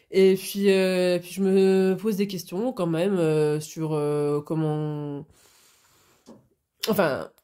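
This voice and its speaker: A woman with a cold and a blocked nose chats casually in a hobby vlog, hesitating often and restarting her sentences. Her voice is medium in pitch and warm in tone.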